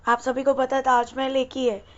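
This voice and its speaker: Woman grammar teacher, high voice, dull lo-fi recording, asks the class and answers herself. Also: level tone, normal speed. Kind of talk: exam-prep English grammar lesson.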